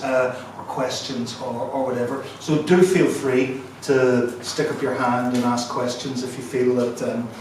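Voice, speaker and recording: A man with a Northern Irish accent gives a guest lecture, chatty and self-deprecating, often stopping to restart his sentences with an um or an uh. His voice sits at an ordinary middle pitch. It is picked up from some distance in a strongly echoing room, with a faint hiss underneath. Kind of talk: university lecture. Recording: echoey room, mic at a distance.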